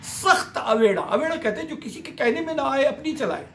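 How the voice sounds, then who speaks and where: A man's voice: very high voice, very animated, a little fast, a little hiss or hum. A man explaining a classical Sufi poem line by line, reciting each verse and then glossing its words. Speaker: poetry commentator.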